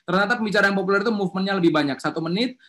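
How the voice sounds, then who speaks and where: A man running an online webinar as a communication trainer, lively and coaxing the audience to answer, speaking through a video-call mic. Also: high-pitched, very fast. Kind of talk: energetic online webinar presentation.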